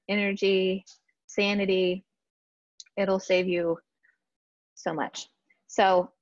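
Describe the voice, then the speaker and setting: A woman marketing strategist presenting a workshop in a casual, chatty way, often pausing with fillers and restarting sentences. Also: mid-range voice, no room sound, muffled recording. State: briefly out of breath. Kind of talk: casual slide-based webinar teaching.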